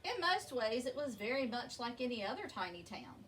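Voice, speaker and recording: A woman with a bright, very animated voice reads a children's story aloud. She speaks expressively and deliberately, stretching key words. She sounds a little distant from the microphone. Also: fairly high pitch. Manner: expressive, deliberate, drawn-out emphasis. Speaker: storybook reader. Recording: distant mic with faint background noise.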